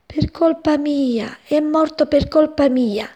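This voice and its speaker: A woman's voice: on the high side, huge pitch swings, unhurried, darkish tone, breathy edge, heavily acted. A woman voicing a cocky, boastful young male sparrow in a children's story. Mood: urgent.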